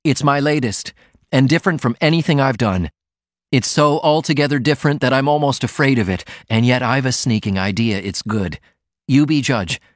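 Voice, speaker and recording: A man reads aloud in a studio-quality recording with no echo, at a medium pitch and moderate pace, sounding close to his everyday voice but pitched above it. He voices an earnest, stubborn young male writer who speaks eagerly with fervent emphasis.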